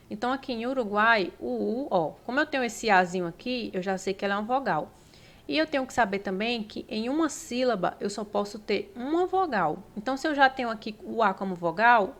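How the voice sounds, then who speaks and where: A woman with a Brazilian accent teaching Portuguese grammar for exam prep, explaining step by step and checking in often with the listener. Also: mid-range voice. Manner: explanatory, frequent "né?" and "ó" check-ins.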